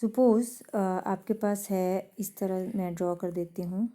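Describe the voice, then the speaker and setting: A woman's voice: medium pitch, fairly even intonation, takes it slowly, warm tone. A woman teaching a chemistry lesson, explaining step by step and often checking that her students have understood. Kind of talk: classroom lecture.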